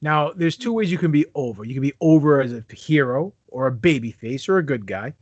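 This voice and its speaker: A man's voice: a little high, expressive, brisk, dry recording, lo-fi sound. A man hosting a casual fan podcast, introducing segments in a playful, showman-like way. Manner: playful, showman-like, explaining wrestling lingo. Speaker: podcast host. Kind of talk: casual chat.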